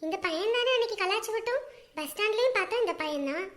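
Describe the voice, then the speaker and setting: Woman, very high voice, gentle, thoughtful, faint music bed. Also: lively intonation, racing. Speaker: sketch character, a daughter.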